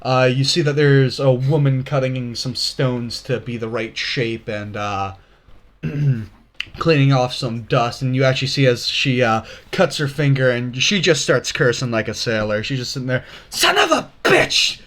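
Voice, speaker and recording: A man's voice: mid-range voice, measured pace, fairly bright tone. A young man narrating as game master, hesitant and full of fillers. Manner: hesitant, many fillers, laughs often.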